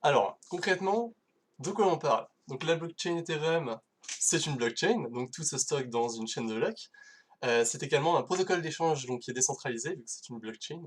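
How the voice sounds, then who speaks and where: A man's voice: on the high side, brisk, breathy edge. A man giving a casual live-streamed technical talk, hesitant, with many fillers and restarts. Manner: casual, self-deprecating. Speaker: conference speaker.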